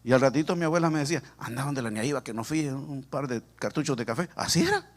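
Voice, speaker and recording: A man's voice: medium pitch, fast. A man from El Salvador with a Salvadoran accent, a pastor preaching and telling his own story to the congregation with humor. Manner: humorous, animated, addresses the congregation directly. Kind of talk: sermon with personal testimony. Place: church sanctuary.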